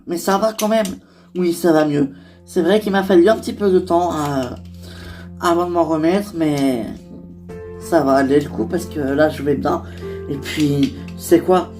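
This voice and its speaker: A woman's voice: deep voice, measured pace, darkish tone, soft background music. A woman voicing a heartbroken but upbeat young female singer in an amateur toy-figure drama, talking hesitantly with many fillers.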